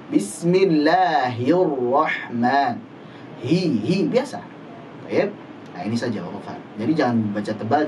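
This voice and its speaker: A male recitation teacher in a live online class, patiently demonstrating Arabic letter sounds slowly and repeatedly. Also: mid-range voice, a little mellow, distant mic, slight background noise, rough recording.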